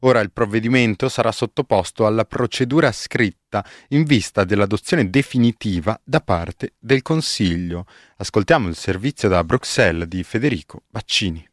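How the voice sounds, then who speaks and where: Low-pitched male news presenter, dry studio. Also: normal speed, few pauses, dry recording. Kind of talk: scripted radio news reading.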